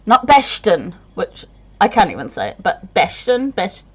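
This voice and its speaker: A woman's voice: on the low side, very animated, moderate pace, slightly rough. A tired woman chatting to camera in a rambling, self-deprecating way, laughing often. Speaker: vlogger. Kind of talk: casual chat to camera.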